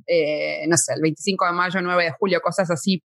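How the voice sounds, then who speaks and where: A woman's voice: fairly low pitch, steady tone, brisk, gravelly, crowd noise. Chatty porteña woman in her thirties. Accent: Rioplatense Spanish, Buenos Aires. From Argentina. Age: 30s. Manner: chatty, laughs often, many fillers. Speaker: guest, space science communicator. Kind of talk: casual conversational interview.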